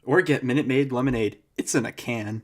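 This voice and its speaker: A man's voice: medium pitch, fairly quick. Teasing young man in casual banter. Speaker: podcast co-host. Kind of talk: casual chat.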